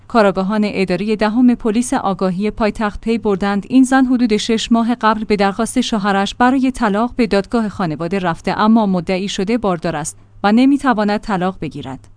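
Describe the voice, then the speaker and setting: A woman reading a crime news report in a measured, formal narration. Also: mid-range voice, no echo.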